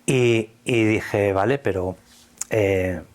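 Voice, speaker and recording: A man's voice: lowish voice, slow, a little mellow. A man from Spain with a Spanish accent, recounting a personal experience in earnest, vivid detail, quoting the dialogue. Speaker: interview guest.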